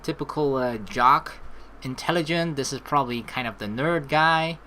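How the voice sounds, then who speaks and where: This let's play host speaks at a normal pace in a medium-pitched voice with a bright, forceful tone. He offers casual, joking, rambling commentary on his gameplay, reads game text aloud, and occasionally swears, with background music and a little noise present.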